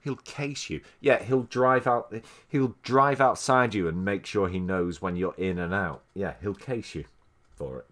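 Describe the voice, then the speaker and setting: A man with a Manchester accent, hosting a casual live stream and reacting to old tapes with laughter, swearing and quick asides to his chat. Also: low-pitched, a bit bright. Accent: Mancunian. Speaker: streamer host.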